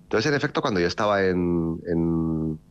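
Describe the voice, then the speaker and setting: Middle-aged man, very low voice, wry rambling interviewee, slightly dull lo-fi recording. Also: expressive, moderate pace, smooth. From Basque Country, Spain. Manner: rambling, restarts often, wry and ironic. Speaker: novelist being interviewed. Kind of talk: casual interview talk.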